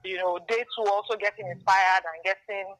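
A Nigerian woman from Akwa Ibom, a guest telling her story in a casual interview, animated and often repeating words as she thinks. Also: mid-range voice, fairly quick, dull audio.

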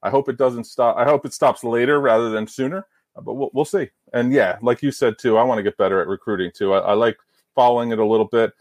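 A man co-hosting a casual sports podcast, speaking haltingly and often repeating words as he starts sentences. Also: medium pitch, steady tone, dry recording. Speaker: podcast co-host.

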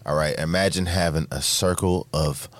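A man co-hosting a casual podcast chat, talking in a laid-back, drawn-out, slangy way. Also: low-pitched, steady tone. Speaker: podcast co-host.

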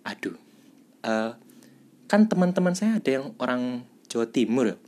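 A man's voice: medium pitch, very animated, normal speed, a little mellow, lightly acted. A man voicing a polite, hesitant young male student guest with a put-on East Javanese accent in a comedic podcast skit. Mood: bashful. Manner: polite, hesitant, says "Mas" often.

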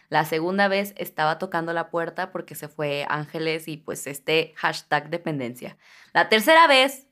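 A woman's voice: on the low side, a bit bright. Girl hosting her podcast off the cuff, jokey, laughs a lot, swears in english sometimes. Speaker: podcast host. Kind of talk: unscripted podcast chat.

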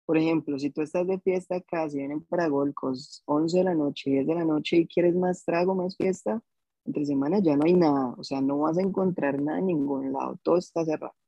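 Colombian man, a bit high and gravelly, relaxed chatty storyteller, slightly dull lo-fi sound. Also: dry recording. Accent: Colombian Spanish. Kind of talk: casual chat.

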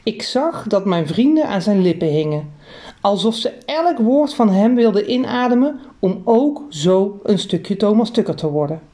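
A woman reads a children's story aloud with lively, expressive delivery. Her voice is mellow and warm, set at a middle pitch. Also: normal speed. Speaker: narrator. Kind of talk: scripted storybook narration.

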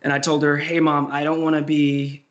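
In a casual interview chat, a young Danish guest singer-songwriter with a Danish accent talks loosely, hesitating and rambling, with frequent fillers, restarts and laughter. He speaks monotonously at a moderate pace in a voice on the high side, and the recording's highs are cut off.

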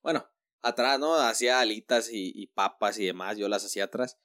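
A man's voice: fairly low pitch, fairly quick, a bit bright, dry recording, clean studio sound. A man with a Mexican accent, telling a story in casual, slangy chat. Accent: Mexican Spanish.

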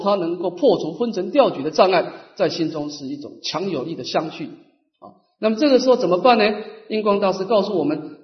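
Male Buddhist teacher, high-pitched, emphatic lecturing delivery, muffled recording from a distance. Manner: emphatic, stresses numbered points with rising pitch, trails off softly.

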